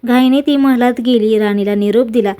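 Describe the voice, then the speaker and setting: Warm-voiced woman telling a devotional tale. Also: fairly high pitch, fairly even intonation. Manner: measured, storybook narration. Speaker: storyteller. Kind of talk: devotional story reading.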